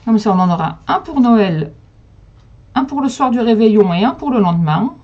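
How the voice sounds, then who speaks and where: A woman's voice: a little high, expressive, moderate pace, highs cut off. Chatty woman hosting a crafting live. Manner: chatty, answers viewer comments and talks to her dog. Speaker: host of a live crafting stream. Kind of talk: casual live crafting demonstration. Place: at home.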